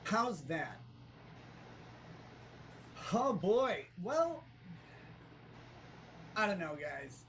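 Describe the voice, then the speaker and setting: A man chatting on a live stream through a tinny, low-quality built-in computer mic, rambling and restarting his sentences. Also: very animated, very slow, pauses often, fairly bright tone, a little hiss or hum. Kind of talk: casual live-stream chat.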